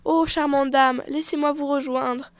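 A woman voicing a scheming, ugly young serving girl who flatters her mistress sweetly. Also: high-pitched, a little slow, dry recording. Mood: fawning. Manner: fawning, flattering.

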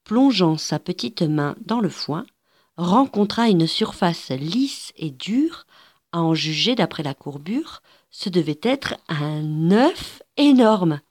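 Slow, gentle woman storyteller. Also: fairly low pitch, very animated. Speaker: narrator. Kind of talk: storybook reading.

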